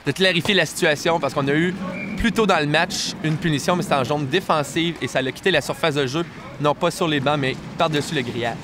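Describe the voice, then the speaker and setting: A man's voice: fairly high pitch, a little fast. A man with a Quebec French accent giving live sports analysis as a colour commentator during a game. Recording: clear venue noise behind.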